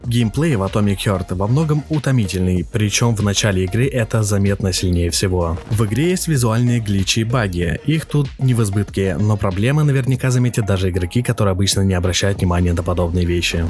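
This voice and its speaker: A man's voice: on the low side, quick pace, hardly any pauses, a little mellow. A man narrating a scripted, opinionated video essay as a game reviewer. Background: faint music.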